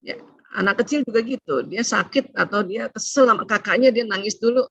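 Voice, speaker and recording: A middle-aged woman doctor giving a chatty seminar talk to women, often adding "ya" as she explains, with sudden rises and hushed asides. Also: medium pitch, brisk, husky, no room sound, muffled recording. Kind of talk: seminar lecture to a women's audience.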